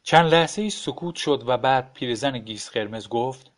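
Calm, detached male narrator. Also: medium pitch. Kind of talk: audiobook story reading.

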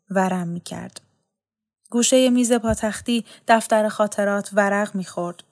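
Brief: female audiobook narrator, calm and measured, mid-pitched.

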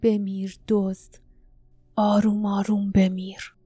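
A woman voicing a grim, possessive armored male knight who mutters in a low, cold voice. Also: little pitch movement, mellow, clean tone, no room sound, faint music behind, lightly acted. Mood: whispered menace.

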